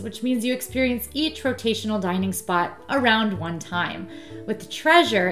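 Bubbly woman vlogger, chatty. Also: medium pitch. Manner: bubbly, enthusiastic, chatty with fillers. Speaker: vlog host. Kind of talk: casual travel vlog chat.

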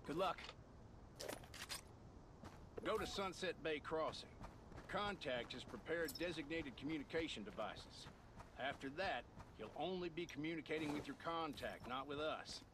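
A man's voice: fairly high pitch, expressive, a little slow, noisy background. An actor playing a serious, earnest male survivor giving directive mission briefings in a video game. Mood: serious, urgent.

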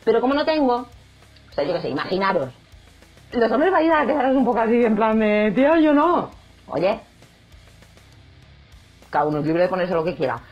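A woman's voice: mid-range voice, normal speed, pauses often. Young woman, jokey vlogger chat, dull-ish audio, faint music under it. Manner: chatty, jokey, animated, acts out quoted voices. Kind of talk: casual chat to camera.

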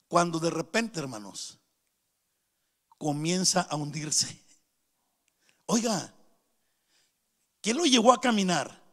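A man's voice: extremely high pitch, fairly bright tone. A middle-aged man preaching a sermon, telling stories and calling out to the brethren as he goes. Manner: storytelling, keeps calling out to the brethren. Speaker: pastor. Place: church hall. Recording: long hall reverb.

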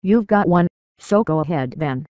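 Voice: mid-range voice, lively intonation, normal speed, darkish tone, no echo, dull audio. A computerized text-to-speech voice playing a cocky cartoon S logo, taunting and boastful.

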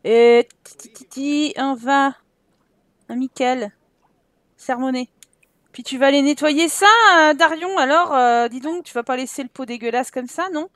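High-voiced french woman doing a sims let's play, chatty and giggly, talking at her characters. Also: moderate pace, dry recording. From France. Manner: lively, chatty, laughing often, exclaiming at the game. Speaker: gaming YouTuber.

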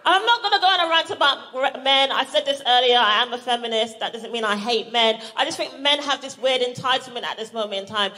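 Talking fast with few pauses, a fairly high-voiced woman from Barbados with a British accent performs an animated, sweary stand-up routine on stage. She exclaims and acts out reactions as the live audience laughs amid the venue's room ambience.

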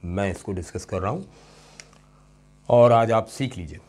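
A man's voice: on the low side, measured pace. A male English teacher giving a classroom grammar lesson. He stretches out example words and repeats them, and he keeps checking that his students follow. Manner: addresses students warmly as "son" and checks understanding with "okay?".

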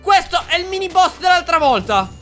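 A young man giving excitable gameplay commentary, squealing in disgust at monsters and talking straight to his viewers. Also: very high voice, normal speed, soft background music. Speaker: gaming YouTuber.

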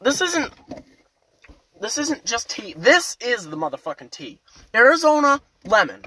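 A young man ranting to camera in a casual, foul-mouthed vlog, loud and animated, veering between yelling and muttering, parked at a roadside turnout. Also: very high voice, a little slow, slight background noise. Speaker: vlogger. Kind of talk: casual profane rant to camera.

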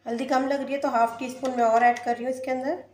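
A woman's voice: high voice, little pitch movement, fast talker, echoey room, noisy background. A woman hosting a cooking channel, narrating a home recipe step by step as she works in her kitchen. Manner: plain, explains each step as she works.

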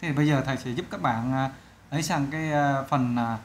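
A male teacher with a Vietnamese accent, walking through an English exam in a casual, chatty way, often stretching words slowly to show their stress. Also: medium pitch, slight background noise. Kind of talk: casual exam walkthrough lesson.

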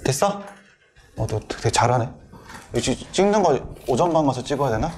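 A middle-aged male English instructor giving a classroom grammar lecture, firing quick questions at students and answering them himself. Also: mid-range voice, expressive, darkish tone, slight background noise.

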